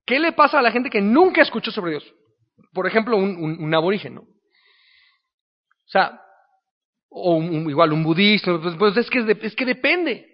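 A high-voiced man gives a casual teaching sermon. He talks to the listener directly and keeps asking "right?" as he goes. The recording sounds dull, with a long reverb trailing behind him. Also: big pitch swings, moderate pace, pauses often. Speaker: preacher.

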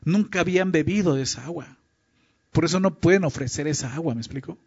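A man's voice: fairly high pitch, fast, darkish tone, breathy edge. A man preaching a teaching sermon, often checking in with his listeners with short questions. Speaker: pastor. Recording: dull lo-fi recording.

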